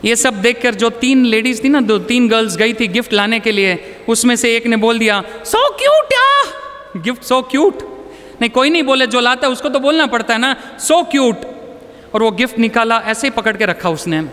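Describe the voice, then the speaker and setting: Motivational speaker, male, very high and bright-toned, chatty storyteller. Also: a little fast, few pauses, long reverb tail. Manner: conversational, anecdotal, mixes in English words. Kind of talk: storytelling talk to an audience.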